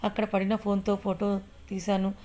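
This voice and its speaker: Hero part: a woman voicing a determined young man, even, unvaried delivery. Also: mid-range voice, moderate pace, close to an everyday voice. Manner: earnest, determined. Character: brave young male hero, devoted lover.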